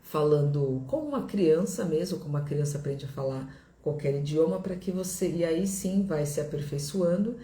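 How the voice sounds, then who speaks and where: A woman's voice: sits low, animated, normal speed, hardly any pauses, mellow, roomy sound. A woman explaining a lesson in a conversational way, often checking in with the listener with little tag words. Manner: conversational, repeats points with fillers like "né" and "tá". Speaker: English teacher.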